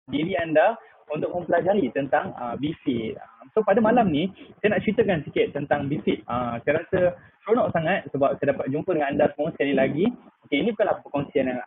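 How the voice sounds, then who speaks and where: Malaysian man in his thirties on a tinny line. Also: on the high side. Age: 30s. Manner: chatty, many "ah" fillers, mixes in English words. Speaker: product presenter. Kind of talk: live online sales talk. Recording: tinny phone-like line with faint noise.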